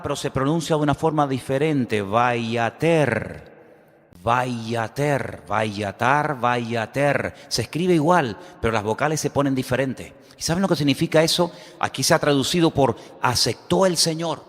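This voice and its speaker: A man's voice: mid-range voice, a bit bright, big-room sound. A man preaching a sermon as pastor, with rhetorical questions and a fervor that builds.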